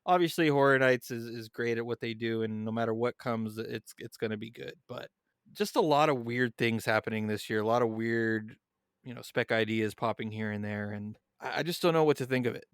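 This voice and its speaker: Podcast guy, smooth clear voice, dry close mic, reads notes then rambles. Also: medium pitch, a little fast, no echo. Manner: reads background notes aloud, then chats loosely. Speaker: podcast co-host. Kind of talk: casual chat.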